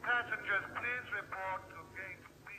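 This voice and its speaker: High-voiced airport announcer over the loudspeaker. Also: male voice, fairly even intonation. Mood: formal. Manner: formal, measured announcing. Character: male airport announcer, formal and impersonal. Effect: airport public-address loudspeaker announcement. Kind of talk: radio drama acting. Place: busy airport terminal. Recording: echoey, muffled loudspeaker in a big hall, noisy.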